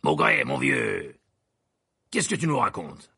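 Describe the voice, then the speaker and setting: A battle-hardened old wizard growls every line. The voice sits extremely low, raspy and gravelly, slow and calmly threatening. The sound is close and dry. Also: male voice, dry recording, exaggerated voice. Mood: growling menace. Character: gruff battle-scarred old male wizard, menacing. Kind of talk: audiobook character voice.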